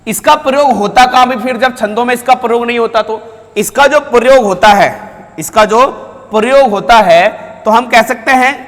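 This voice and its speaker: A man with a high voice lecturing a class on grammar. He asks a question, answers it himself, then repeats the key term to drive it home. The recording carries a long reverberant tail from the room. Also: normal speed, a bit bright. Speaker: Hindi teacher.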